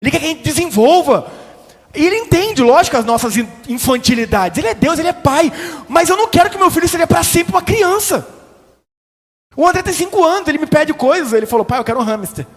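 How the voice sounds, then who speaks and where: A man's voice: extremely high pitch, animated, fast. A man with a Brazilian Portuguese accent preaching a sermon as pastor, sarcastic and joking, with a lot of slang. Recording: echoey hall.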